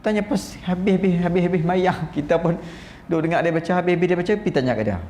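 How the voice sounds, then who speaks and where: In a roomy seminar room with faint ambience, a man with a northern Peninsular Malaysian Malay accent gives a religious lecture. His voice is high-pitched and fast with a slight hiss or hum, and he tells stories animatedly, mimicking recitation styles.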